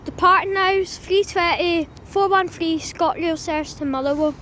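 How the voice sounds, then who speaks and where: A high-pitched female voice gives casual trainspotting commentary. She talks informally to viewers from an open-air platform, with clear noise around her. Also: moderate pace, a bit bright. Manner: informal, addresses viewers as guys. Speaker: trainspotting vlogger. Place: outdoors on a railway station platform. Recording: noisy outdoor recording.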